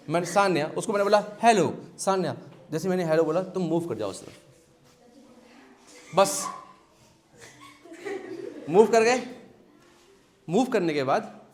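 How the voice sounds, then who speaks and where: An animated male science teacher runs a hands-on classroom demonstration. He talks in a fairly high voice, directs his students and fires quick questions at them. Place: school classroom.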